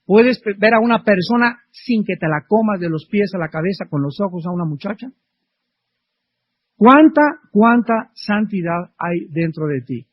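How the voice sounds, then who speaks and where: A middle-aged male preacher delivering a fervent sermon full of rhetorical questions, swinging between loud and soft. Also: high voice, breathy edge. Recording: dull lo-fi archive recording.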